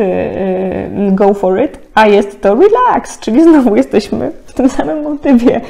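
Chatty woman with a mellow voice. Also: on the high side. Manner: chatty, laughs often, many fillers. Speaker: tarot card reader. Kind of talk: casual spiritual card-reading talk.

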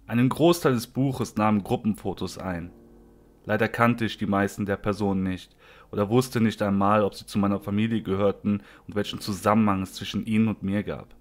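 A man reading a horror story aloud in a measured first-person storytelling manner. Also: on the low side. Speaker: narrator. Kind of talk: scripted horror story narration.

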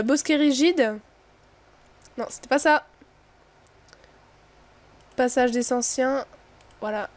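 Brief: young female let's play host, a touch high-pitched, lively and chatty, reading a game aloud. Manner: expressive, chatty, quick exclamations. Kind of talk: reading a visual novel aloud with commentary.

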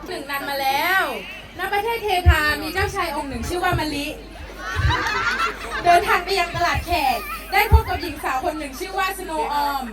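High-pitched young woman narrating in echo. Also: normal speed. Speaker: narrator of a school skit. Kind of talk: live amateur stage storytelling. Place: school camp performance before a crowd. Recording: echoey, distant, noisy crowd.

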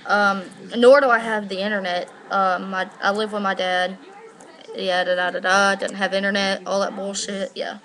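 A woman's voice: mid-range voice, flat delivery, moderate pace, a bit bright. An eighteen-year-old woman chatting casually and slangily to camera, rambling and swearing, on a laptop microphone. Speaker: vlogger. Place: living room at home, indoors. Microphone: laptop built-in microphone at arm's length.

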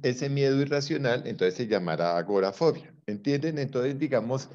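A man's voice: medium pitch, animated, normal speed, darkish tone, muffled recording. A man teaching a psychology class, explaining with playful examples and teasing his students. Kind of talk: online class lecture.

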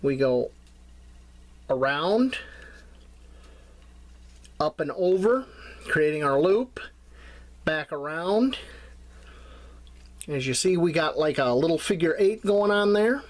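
Talking through a knot step by step while his hands work the cord, this bushcraft instructor speaks slowly and pauses often. His voice sits a little high, with lively intonation, and his explanations stay plain throughout the tutorial.

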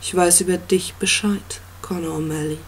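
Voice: medium pitch, fairly even intonation, normal speed, a little hiss or hum, close to an everyday voice. A reader voicing an ancient commanding tree monster. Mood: dry, probing. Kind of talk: audiobook reading.

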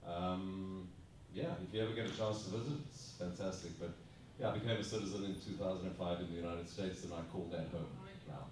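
A man's voice: deep voice, steady tone, fairly quick, few pauses, background noise. A man from South Africa, chatting and laughing through stories on a convention panel with a handheld mic. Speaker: convention panel guest actor. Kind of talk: casual panel talk. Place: large carpeted convention room, indoors. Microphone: handheld mic, far camera. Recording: echoey room, distant mic.

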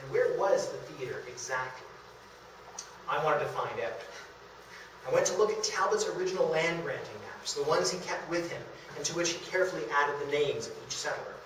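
Before an audience in a meeting room of a historic house, a man gives a live illustrated history talk in a fairly high, animated voice at a slightly quick pace. The audio, taken by a camera far back in the audience, is distant and heavily echoing with faint noise.

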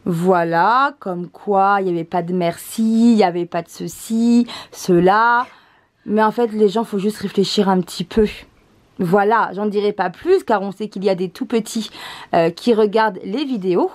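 Hesitant woman explaining, mid-pitched voice. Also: moderate pace. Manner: explanatory, hesitant, many "euh" fillers. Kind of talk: casual family vlog chat.

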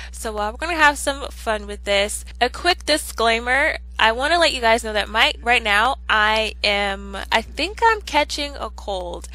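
A let's play host chats casually through a life-sim game, upbeat and rambling with plenty of fillers, her throat slightly ticklish from a cold coming on. Her voice is high, bright, and forceful, and the recording quality is low.

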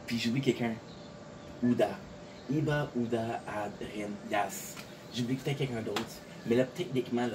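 Speaking in a lowish voice with a Québécois accent, a content creator from Montréal addresses the camera casually and sounds somewhat tired. He wanders in his speech, says words over and again, and fills gaps constantly. Outdoor ambience comes through clearly, the background is noisy, and he sounds distant.

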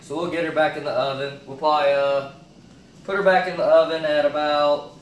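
His voice is on the high side with fairly even intonation, and he talks briskly. This young man, a fitness cooking vlogger, gives a casual demo of his meal prep in his home kitchen, thinking aloud with many fillers. A far camera on a stand records him, and the result is echoey and noisy.

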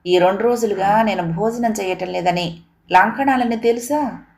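A woman's voice: medium pitch, moderate pace, gravelly, darkish tone, close to an everyday voice. A woman voicing a feverish, hurt husband who pleads earnestly with his wife. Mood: pleading.

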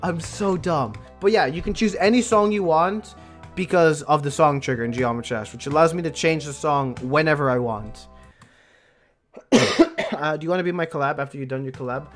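Excitable man streaming a game. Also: on the high side, normal speed, soft background music. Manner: excitable, self-mocking, talks to chat. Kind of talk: live gaming stream chat.

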